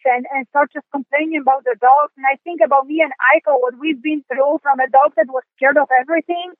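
A woman from Poland with a Polish accent, answering interview questions in a high voice. She talks in halting bursts, full of restarts and fillers. She sounds dry and tinny, as if over a phone line. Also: dry recording. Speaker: guest, dog sport competitor. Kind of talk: interview conversation.

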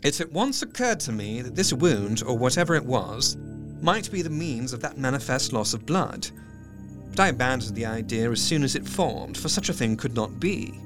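A man acting an earnest doctor reading his diary in a radio play. His mid-pitched voice is measured and articulate, closely observant, over faint background music. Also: sing-song, lightly acted. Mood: puzzled, analytical. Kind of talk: scripted first-person narration, audio drama.

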